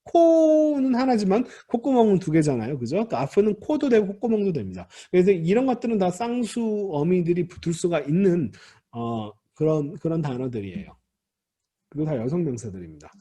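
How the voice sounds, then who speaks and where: Husky, lively-voiced male grammar teacher. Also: sits high, fairly quick. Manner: patient, repeats key words and restarts to explain; addresses students directly and reassures them. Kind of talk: recorded classroom lecture.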